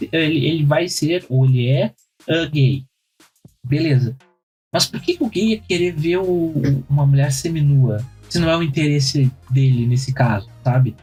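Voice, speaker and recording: A man's voice: fairly high pitch, husky, rough recording. A young adult man, telling stories and reasoning aloud on a casual podcast. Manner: storytelling, reasoning out loud. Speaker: podcast co-host. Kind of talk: casual chat.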